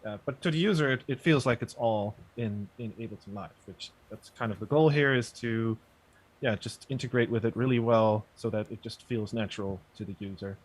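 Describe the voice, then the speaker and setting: A man guesting on a webcast over a video call, explaining and demoing software in a relaxed, hesitant way with many fillers. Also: medium pitch, a little fast, breathy edge. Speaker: guest software developer and producer. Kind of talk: casual explanation and demo. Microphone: video call, sits back from mic.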